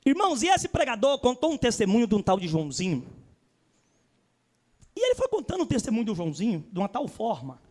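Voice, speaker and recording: Brazilian pastor guy preaching, super high voice, dramatic swings. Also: wildly swooping pitch, fast talker, darkish tone. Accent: Brazilian Portuguese. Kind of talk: sermon.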